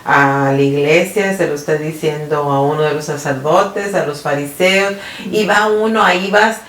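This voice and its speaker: A woman's voice: deep voice, moderate pace, a bit bright. A woman co-hosting a podcast in a casual faith chat, often tagging her sentences with a questioning "¿verdad?". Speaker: podcast co-host. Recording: echoey room.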